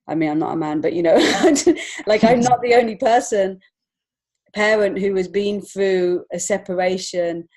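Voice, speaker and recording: A woman with a lowish, slightly mellow voice appears as a podcast guest, a children's author and illustrator. She answers the interview conversationally, sounding earnest, reflective and encouraging.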